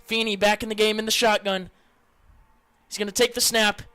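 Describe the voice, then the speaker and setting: A man doing live football play-by-play, giving an excited touchdown call and shouting on big plays. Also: high voice, moderate pace, clear, resonant tone. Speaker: play-by-play announcer.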